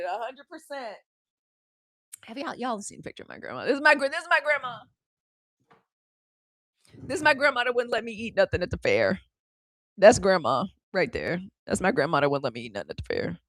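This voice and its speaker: Brief: woman in her forties, live-stream host, lively and candid, talks to viewers, dry close sound. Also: medium pitch, no room sound. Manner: animated, chatty, talks straight to viewers. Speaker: host of a live news show. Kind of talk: casual live-stream commentary.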